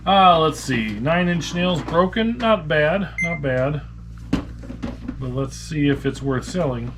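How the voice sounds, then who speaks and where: This man from Nebraska, a vlogger and online reseller with a Midwestern US accent, has a higher-pitched voice and takes his time. As he sorts and prices items, he chats casually and jokingly, thinking aloud. Clicks and room noise come through.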